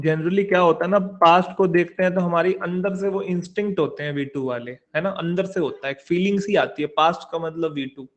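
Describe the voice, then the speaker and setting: A man with an Indian English accent giving an online exam-prep grammar lecture, explaining in Hindi and repeating key words back as questions. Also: a little high.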